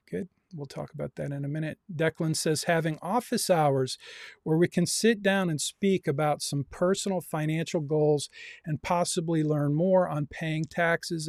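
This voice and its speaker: A man's voice: fairly high pitch, gravelly, darkish tone, dry recording, studio quality. A man teaching a livestreamed university class, reading out students' comments and coaxing more answers. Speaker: university professor.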